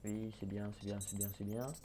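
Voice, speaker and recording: With a mellow, lowish voice, a level tone, and normal speed, a young man chats through a let's-play as a gaming YouTuber. He hesitates, leans on fillers, restarts often, and mutters to himself during play, over faint background noise.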